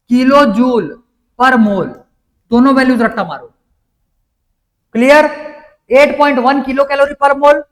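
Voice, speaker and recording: A man teaching a lecture step by step, often checking that students follow. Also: extremely high pitch. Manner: explains step by step, keeps asking if it is clear. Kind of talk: classroom lecture.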